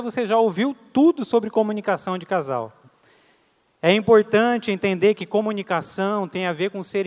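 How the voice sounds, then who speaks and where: Preaching man in a reverberant hall. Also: high-pitched. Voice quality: calls out to the congregation. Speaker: pastor. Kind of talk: sermon.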